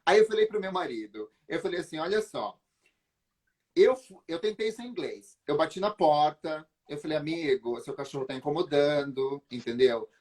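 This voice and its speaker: A man's voice: a little high, moderate pace. Brazilian man telling a comic story. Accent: Brazilian Portuguese. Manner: lively storyteller, acts out quotes, laughs often. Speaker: guest. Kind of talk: animated comic anecdote.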